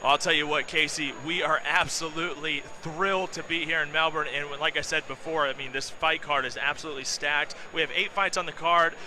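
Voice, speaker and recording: American man, high voice, live sports commentary, lead host, enthusiastic, emphatic. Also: steady tone, brisk, few pauses, noisy background. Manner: enthusiastic, emphatic, keeps handing over to co-commentators.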